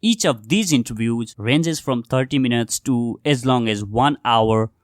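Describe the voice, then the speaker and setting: Young man, mid-pitched, earnest solo podcast host talking to "guys", dry close sound. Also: unhurried, dry recording. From Nepal. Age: young adult. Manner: earnest, addresses listeners directly as "guys". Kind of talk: scripted solo podcast monologue.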